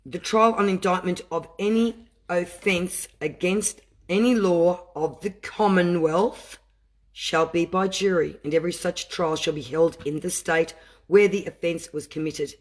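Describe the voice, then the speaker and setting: Man, higher voice, reads deliberately, then flares into heated commentary. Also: steady tone. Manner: deliberate reading broken by impassioned asides. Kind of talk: reading aloud and commenting.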